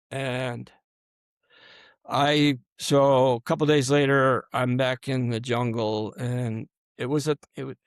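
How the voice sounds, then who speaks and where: A man in his seventies, a guest in an interview, recounting personal stories in a halting way that sinks to a near-murmur at grim moments. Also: medium pitch, smooth, no echo, studio quality. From United States. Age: 70s. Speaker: guest, combat veteran.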